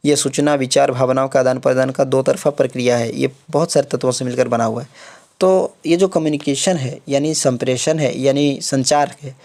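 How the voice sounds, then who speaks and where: A man's voice: medium pitch, steady tone, normal speed, a little mellow. A young man giving a casual exam-prep lecture, filling his explanations with repeated check-ins and English terms. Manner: repeats "theek hai" often, mixes English terms into Hindi. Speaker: online exam-prep tutor.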